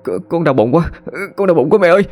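A man's voice: a little high, animated, quick pace, soft background music, voice pushed up, natural voice. A male narrator voicing a young man crying out in stomach pain, strained. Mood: agonized.

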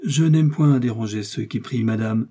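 A man's voice: mid-range voice, fairly even intonation, moderate pace, mellow, husky, lightly acted. A man reading aloud and voicing a grave, devout young officer who speaks solemnly.

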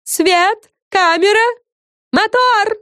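A woman reading an audiobook, voicing a bossy, excitable fairy girl who hosts a show, talking in emphatic exclamations. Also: very high voice, extremely slow, dry recording, clean studio sound, pitched above the performer's own voice, full character voice.

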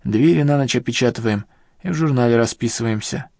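This audiobook character reading features a man playing an elderly male professor who grumbles, complains and sounds rueful and defensive, with his pitch raised above the reader's natural one. The voice is fairly quick, creaky and mellow, recorded with studio quality and no room sound.

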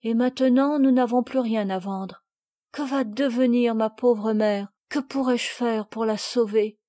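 Frail, polite peasant girl in a storybook, read by a woman; high, soft, close and dry. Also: fairly even intonation, measured pace, no room sound, close to an everyday voice. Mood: meek, pleading. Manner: timid and polite, higher childlike voice. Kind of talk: audiobook character reading.

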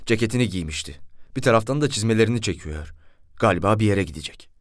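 A man reads a first-person story aloud with lively, expressive storytelling. His pitch rises and falls as he tells it. The sound is close and dry, with no room echo. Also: fast. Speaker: narrator.

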